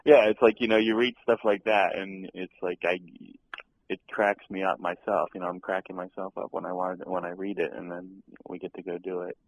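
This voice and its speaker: A man's voice: low voice, flat delivery, brisk, no room sound, poor audio. A young adult man, an actor being interviewed, chatting casually with many ums and restarts and laughing easily.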